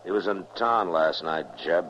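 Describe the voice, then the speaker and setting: A very low male voice on a muffled, slightly noisy old radio recording. This American frontier marshal is grave, steady and plain-spoken, with firm authority. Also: measured pace. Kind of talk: old-time radio western acting.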